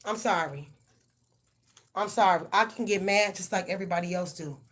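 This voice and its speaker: A woman's voice: lowish voice, moderate pace, fairly bright tone. Woman, tarot reader; blunt, profane, heated delivery. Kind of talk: live tarot reading and rant.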